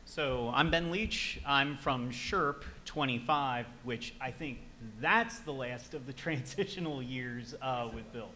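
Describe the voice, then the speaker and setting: A young man speaking at a memorial event as a former student, telling anecdotes in a relaxed way with many fillers and a laugh now and then. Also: mid-range voice, slow, hardly any pauses, a little hiss or hum. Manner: relaxed storytelling, frequent fillers, laughs at his own anecdote. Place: event room.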